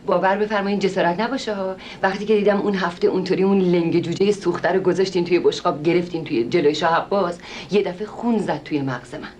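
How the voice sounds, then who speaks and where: A woman's voice: on the low side, a little hiss or hum, lightly acted. An actress playing a pushy, doting middle-aged woman who insists on meeting a king, in a stage comedy with an insistent, fawning manner. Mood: pleading. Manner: insistent, fawning, sharp-tongued when crossed.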